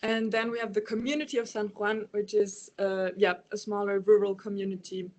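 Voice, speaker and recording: A woman's voice: mid-range voice, flat delivery, brisk, a little mellow. A woman, presenting a project over a video call, hesitant and full of ums and yeahs. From Germany. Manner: hesitant, many ums and yeahs, laughs lightly.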